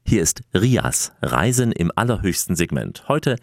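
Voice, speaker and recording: Eine sehr tiefe, rau knarrende Männerstimme liest gemessen einen Off-Kommentar für eine Reportage. Aufgenommen wirkt sie wie in einer trockenen Sprecherkabine. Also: male voice, low voice, big pitch swings, unhurried, creaky, dry recording, studio quality. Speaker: voice-over narrator and dubbing voice. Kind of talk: scripted documentary voice-over.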